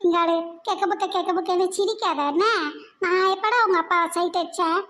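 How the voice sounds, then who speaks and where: A woman voicing a cheeky, sharp-tongued little girl in a cartoon, teasing and calling names. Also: very high-pitched, steady tone, a little fast. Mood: bratty. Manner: bratty, teasing, name-calling. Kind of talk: cartoon voice acting.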